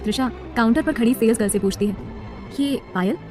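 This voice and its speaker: A woman's voice: on the high side, fast, a little mellow, soft background music. A woman narrating a serialized romance story in a scripted storytelling style.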